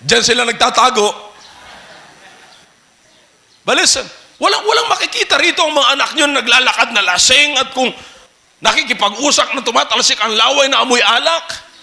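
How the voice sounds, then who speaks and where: A male pastor with a Filipino accent preaching an animated sermon, mixing Filipino and English and rising to shouts. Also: very high voice, moderate pace, creaky, pauses often.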